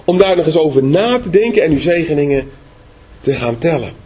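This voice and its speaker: A man's voice: a little high, lively intonation, brisk, mellow. A man preaching a sermon in a conversational way, often asking the listeners questions. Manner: conversational, asks rhetorical questions.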